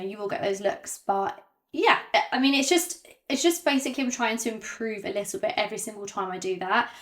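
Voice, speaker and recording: A woman vlogging to camera without a script, hesitant and self-conscious, with many ums and pauses, and slightly out of breath. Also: mid-range voice, a bit bright. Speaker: YouTuber. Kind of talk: unscripted talk to camera.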